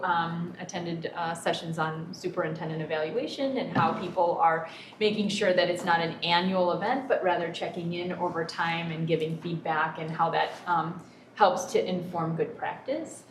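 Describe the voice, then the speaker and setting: A woman superintendent speaking at a board meeting, deliberate and full of pauses and ums. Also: lowish voice, steady tone. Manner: hesitant, many ums, deliberate. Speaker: school superintendent. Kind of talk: public board meeting remarks. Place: echoey board meeting room. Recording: echoey room, distant mic, faint noise.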